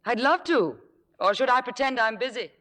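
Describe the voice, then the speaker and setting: An actress playing a demure, ambitious young stage actress in a vintage radio drama, soft-spoken, modest and measured. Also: female voice, fairly high pitch, expressive. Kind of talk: 1950s radio drama acting. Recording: reverberant vintage radio broadcast.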